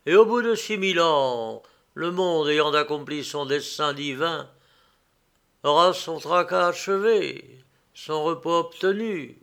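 Un homme qui lit une histoire et prête sa voix à un prieur, un moine sévère et exalté, sur un ton impérieux. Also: male voice, on the high side, slow pace, gravelly, a bit bright, clear, resonant tone, full character voice. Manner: imperious, insistent. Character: stern, zealous male monk prior.

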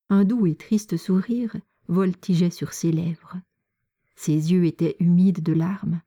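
A woman reading a classic novel aloud in a measured, often near-whispered way. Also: fairly low pitch, dark tone. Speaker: reader. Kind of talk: audiobook narration of a classic novel.

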